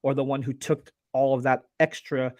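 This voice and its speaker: A man guesting on a live-streamed interview, sharing business advice in an earnest, animated way with frequent restarts over a video call. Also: medium pitch, normal speed, no room sound. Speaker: guest, laser business owner.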